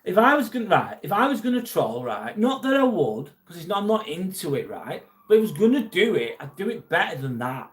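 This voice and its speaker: Brisk and barely pausing, this English host's high voice swings widely in pitch as he chats on a live stream. He reads out what viewers have written and makes jokes about a troll who mildly irritates him.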